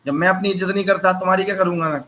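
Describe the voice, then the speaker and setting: Bright, high-voiced man teaching physics. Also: fairly even intonation, racing, highs cut off, a little hiss or hum. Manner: teasing, conversational, addresses students as beta and bhaiya; asks questions and answers them himself. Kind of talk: classroom physics lecture.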